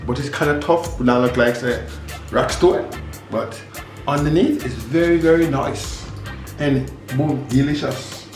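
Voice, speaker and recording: A man with a Jamaican accent talks casually through a home cooking demonstration, dropping in patois phrases as he goes. His voice sits at an ordinary middle pitch. The kitchen is echoey, and music plays clearly underneath. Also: a little slow. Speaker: home cook and vlog host.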